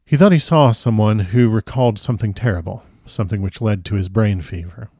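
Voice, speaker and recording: Guy doing a demure young married lady from an old novel, polite n proper, soft-edged mellow tone. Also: on the low side, a little fast, dry recording, studio quality. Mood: troubled.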